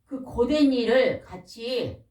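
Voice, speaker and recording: A woman's voice: on the high side, animated, mellow. Middle-aged woman preaching in a small church, quizzes the congregation, stresses words, sounds far off in an echoey room. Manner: asks the congregation questions and waits for answers; slows and stresses key words. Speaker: pastor's wife preaching. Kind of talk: sermon. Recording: roomy echo, voice from a distance.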